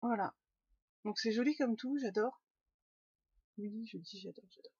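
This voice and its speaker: Chatty woman, husky webcam voice. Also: a little high, normal speed, a little mellow, no echo, lo-fi sound. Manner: chatty, rambling, lots of fillers and restarts. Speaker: knitting podcast host. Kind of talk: casual chat to webcam. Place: home room.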